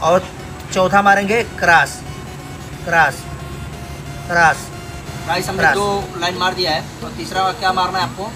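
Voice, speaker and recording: A man's voice: high voice, fairly even intonation, moderate pace, long pauses, over music. A young man with an Indian accent teaching welding step by step, repeating each instruction, recorded on a workshop floor. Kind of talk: hands-on tutorial.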